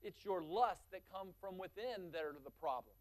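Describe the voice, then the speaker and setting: A male pastor with lively intonation preaches at normal speed, escalating through long lists and then going quiet and low for his key points.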